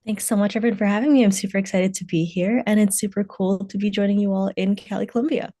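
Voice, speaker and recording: A woman's voice: mid-range voice, fairly even intonation, fast talker, dark tone, no room sound. Bubbly young woman, dry close sound. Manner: bubbly, enthusiastic. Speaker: youth organization representative. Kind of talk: panel talk.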